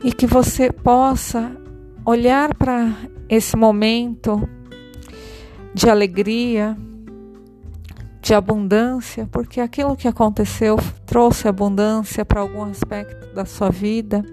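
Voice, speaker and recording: A woman guiding a meditation in a slow, soothing, gentle way. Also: a little high, fairly even intonation. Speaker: meditation guide. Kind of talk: guided meditation. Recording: soft music behind.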